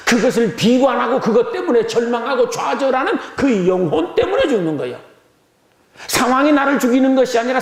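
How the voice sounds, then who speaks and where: A man preaching a Sunday sermon from the pulpit of a church sanctuary. His voice sits very high and swings widely as he drives home rhetorical questions. The room around him rings with echo. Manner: repeats phrases for emphasis. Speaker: pastor.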